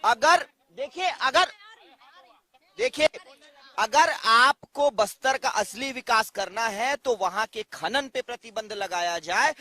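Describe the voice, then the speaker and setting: A man's voice: extremely high pitch, animated, slow pace, bright, forceful tone. A man arguing on a TV news debate panel from the opposition side, insistent, listing his demands one after another.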